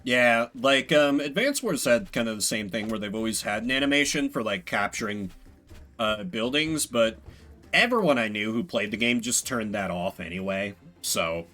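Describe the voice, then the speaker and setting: Musing out loud as he plays, a male streamer narrates his strategy game choices live. He speaks at a moderate pace in a fairly low, bright voice with a forceful edge, over quiet background music.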